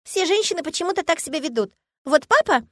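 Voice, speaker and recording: A bossy, excitable little girl from a storybook, her voice pitched far above an adult's and pushed loud. She fires strict, demanding questions at whoever stands in front of her. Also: quick pace, no room sound, clean studio sound. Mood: earnest.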